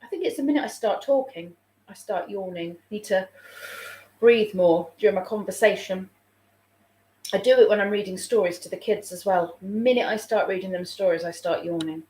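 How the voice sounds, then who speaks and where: A mid-range, slightly mellow voice belongs to an English childminder chatting on a live stream at a moderate pace while reading viewer comments. She's a bit snuffly with a sore throat coming on. Her phone recording, made in a room at home, has a roomy echo and a little hiss or hum.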